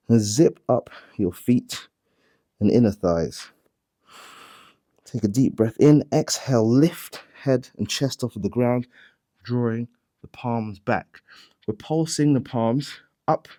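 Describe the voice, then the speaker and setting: Slow, dark-voiced male Pilates instructor. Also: medium pitch. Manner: calm cueing with breath counts. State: out of breath. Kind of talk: guided workout instruction.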